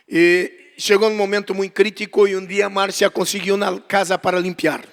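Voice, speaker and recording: A man from Brazil with a Brazilian Portuguese accent, a guest preacher telling a dramatic story in a sermon, acting out the dialogue and swinging from quiet prayer to loud emphasis. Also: high-pitched, level tone, moderate pace. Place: church hall. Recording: long reverb of a church hall.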